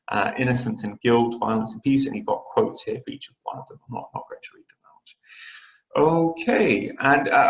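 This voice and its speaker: A man's voice: mid-range voice, reverberant, low-quality recording. A man teaching an online English literature lesson, explaining patiently with frequent fillers and restarts.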